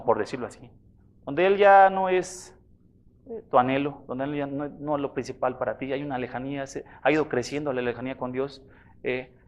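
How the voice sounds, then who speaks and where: A pastor preaching a sermon in a conversational way, often calling his listeners brothers. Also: on the high side.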